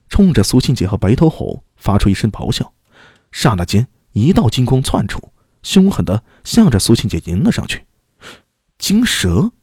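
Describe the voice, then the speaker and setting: A man narrates a serialized fantasy audiobook with dramatic storytelling, his pitch rising and falling in lively swings. The voice is dark and mellow with a husky edge. It is recorded close and dry. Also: dry recording. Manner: dramatic storyteller, animated delivery.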